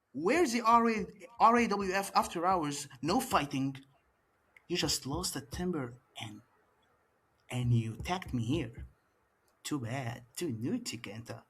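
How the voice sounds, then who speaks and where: Man as cocky wrestling champ, slow taunting promo, higher voice, lots of pitch jumps. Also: fairly bright tone, breathy edge. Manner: taunting, boastful, broken English. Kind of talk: wrestling promo trash talk.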